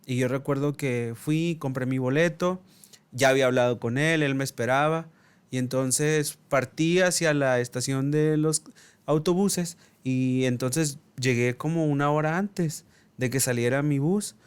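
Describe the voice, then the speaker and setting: Un hombre joven de México con acento del norte de México, contando animado una anécdota personal en un pódcast, imitando los diálogos. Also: male voice, mid-range voice, a little slow, clear, resonant tone. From Mexico. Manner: animated storyteller acting out dialogue. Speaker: podcast co-host. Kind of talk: casual storytelling.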